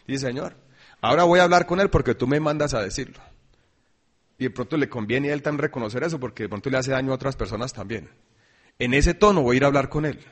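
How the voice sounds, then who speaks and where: Animated preacher man. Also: a little high. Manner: animated, swings from loud emphasis to quiet asides. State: dry throat, coughing. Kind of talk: sermon.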